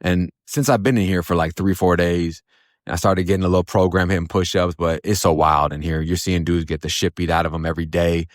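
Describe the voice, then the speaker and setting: A man's voice: deep voice, steady tone, fairly quick, no room sound, studio quality. A man from Florida casually telling his own story in blunt, profane street slang, often saying "bro" and "man". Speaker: storyteller recounting his past. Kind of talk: casual first-person storytelling.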